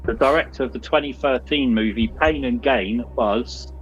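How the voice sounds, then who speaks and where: A man's voice: medium pitch, normal speed. A man hosting a casual movie quiz and reading out questions, with a speech trait of saying w for r. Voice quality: can't pronounce R's properly, says w for r. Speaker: quiz host. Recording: dull lo-fi sound with music. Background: music.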